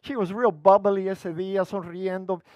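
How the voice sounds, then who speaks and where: A man's voice: high-pitched, steady tone, a little slow, a little mellow, no room sound, studio quality. An older male pastor preaches a sermon in a conversational, humorous storytelling way, slipping into English phrases now and then. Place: church.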